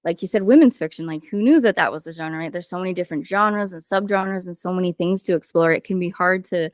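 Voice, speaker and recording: A woman's voice: on the low side, fast, dry recording. A woman hosting a podcast, chatting casually and leaning on fillers as she talks. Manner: chatty, uses many fillers. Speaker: podcast host and writing coach.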